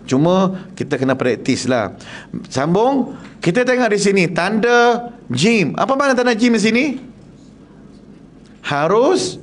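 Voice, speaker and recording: High-voiced Malaysian man teaching Quran recitation. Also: slight background noise. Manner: lively, jokey, quizzes the class and demonstrates Arabic sounds. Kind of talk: Quran recitation class in a prayer hall. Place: prayer hall.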